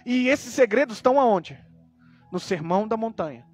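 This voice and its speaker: A man's voice: high voice, animated, moderate pace, breathy edge, soft background music. A man with a Brazilian Portuguese accent preaching a sermon, opening with a prayer and then teaching emphatically through repeated rhetorical questions. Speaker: pastor.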